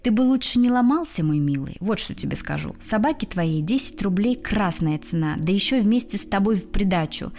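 A woman voicing a fat, pompous gentleman doctor who speaks in a condescending, blustering way. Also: medium pitch, expressive, fairly quick, few pauses, close to an everyday voice.

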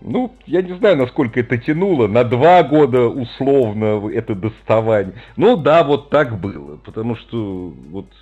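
A man's voice: mid-range voice, lively intonation, moderate pace, few pauses, darkish tone, breathy edge, lo-fi sound, soft background music. A man in his fifties hosting a call-in radio show, chatty and jokey as he reminisces with callers. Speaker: radio host.

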